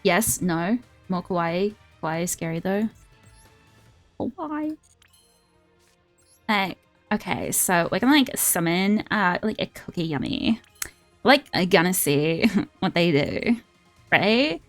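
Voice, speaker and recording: A young woman streaming a card game, chatting casually and excitably, swearing freely and sliding into a valley girl voice. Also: lowish voice, unhurried. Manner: excitable and profane, drifts into a put-on valley girl voice. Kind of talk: casual live-stream gaming chat. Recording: faint music behind.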